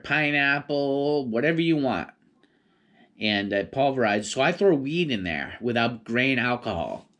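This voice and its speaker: A man with a mid-pitched voice talks in a laid-back stoner way. He rambles casually, as if chatting to viewers by himself, drifting loosely from one thought to the next. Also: fairly bright tone. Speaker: vlogger. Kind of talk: casual solo rambling chat.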